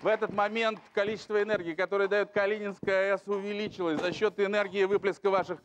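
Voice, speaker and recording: A middle-aged man with a high voice presents a televised lottery as a bingo caller. He draws out numbers with emphasis. The old studio recording is clearly noisy, with clicks. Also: level tone, muffled recording. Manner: drawn-out, emphatic calling of numbers. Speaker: lottery show host. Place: large TV game show studio with audience.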